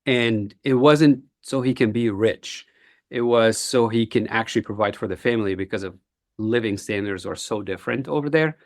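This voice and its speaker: Low-voiced man. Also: normal speed, dry recording, clean studio sound. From Egypt. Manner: earnest, reflective, frequent "uh" fillers. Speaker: guest, entrepreneur. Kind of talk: podcast interview.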